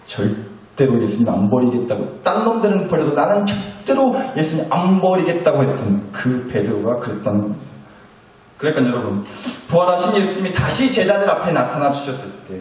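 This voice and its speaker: A male pastor preaching a sermon with animated storytelling and acted-out quotes, in a very echoey room from a distant mic. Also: a little high.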